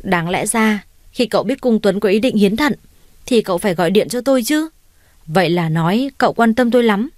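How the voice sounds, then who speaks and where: A woman reading a scheming, sharp-tongued young woman. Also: medium pitch, animated, brisk, no room sound, clean studio sound, close to an everyday voice. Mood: angry. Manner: cold, sharp. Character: scheming proud young woman, quick to anger.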